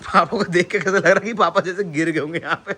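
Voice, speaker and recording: A young man with a high voice, vlogging casually on a handheld phone outdoors at home. He teases and jokes with his family and often calls out at full voice, with faint ambient noise behind. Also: fast. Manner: teasing, lively, calls out loudly. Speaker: vlogger, host.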